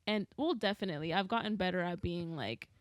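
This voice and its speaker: A woman's voice: lowish voice, fast talker, dry recording, clean studio sound. A young woman in a casual podcast chat, speaking candidly and self-deprecatingly with a rambling, "like"-filled flow.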